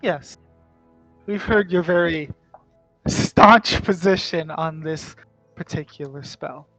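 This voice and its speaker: Guy doing a stern tired court lady, formal, high voice, tabletop game, faint music. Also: fairly bright tone, dry recording. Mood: weary, formal. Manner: measured, formal. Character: stern, weary female court questioner. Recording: slightly dull audio, music underneath.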